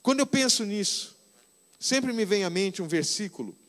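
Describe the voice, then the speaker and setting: A Brazilian man in his fifties, a pastor preaching conversationally and slowing down to stress key phrases. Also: sits high, lively intonation, a bit bright, big-room sound. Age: 50s. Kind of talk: sermon. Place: church hall.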